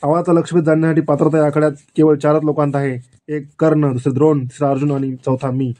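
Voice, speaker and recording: A man's voice: fairly high pitch, level tone, fast talker, dark tone, natural voice. A man voicing a stern aged grandsire who addresses a crowd with grave authority. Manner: grave, commanding.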